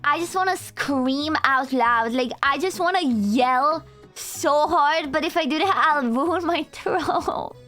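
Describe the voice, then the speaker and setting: A hungover woman livestreamer chatting casually to her viewers, exasperated and halting, with repeats and drawn-out words. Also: high-pitched, bright, forceful tone, faint music behind. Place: small studio apartment.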